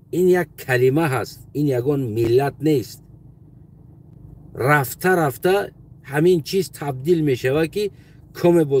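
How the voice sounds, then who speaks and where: A man with a Tajik accent talking in a casual monologue, halting and often pausing to search for his words. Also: medium pitch. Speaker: commentator. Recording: distant mic with loud outdoor traffic noise.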